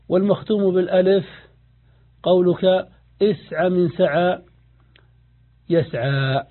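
A high-voiced man gives a patient classroom grammar lesson, repeating each rule and putting questions to his students. The sound is thin and tinny, as if it came down a phone line. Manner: patient, explanatory, repeats key rules and asks the class questions. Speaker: Arabic grammar teacher.

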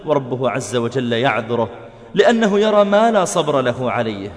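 A man's voice: medium pitch, very animated, moderate pace, long reverb tail. A man preaching in a dramatic storytelling manner, acting out the quoted voices. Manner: dramatic, voices the quoted speakers, chants verse. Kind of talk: sermon storytelling.

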